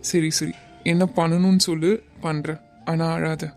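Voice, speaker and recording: A woman voicing a gentle young man in love, soft and coaxing, in an animated web series. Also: sits low, moderate pace, soft background music. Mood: tender.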